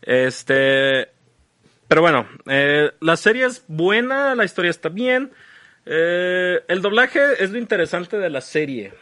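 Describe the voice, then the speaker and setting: A man's voice: high voice, sing-song, takes it slowly, pushed and bright. A man with a Mexican accent co-hosting a podcast, chatting and reviewing casually in an informal, slangy, sweary way. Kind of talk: casual live-stream chat and review.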